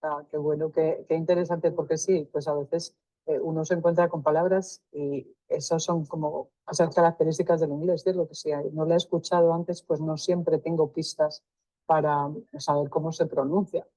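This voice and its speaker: A woman interviewing a student, asking long, carefully rephrased questions in a measured way. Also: low voice, flat delivery, dark tone, dry recording, rough recording. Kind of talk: research interview.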